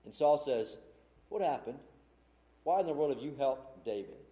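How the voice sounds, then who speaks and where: A man preaching a sermon in a mellow, darker voice. He retells the scripture story earnestly and conversationally. The room around him is echoey. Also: mid-range voice, lively intonation, moderate pace. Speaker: pastor.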